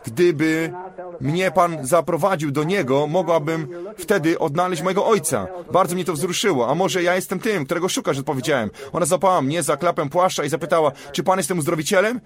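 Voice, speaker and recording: A man's voice: on the high side, fairly quick. Man solemnly reading a sermon. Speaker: reader of a translated sermon. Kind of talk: read sermon with prayers.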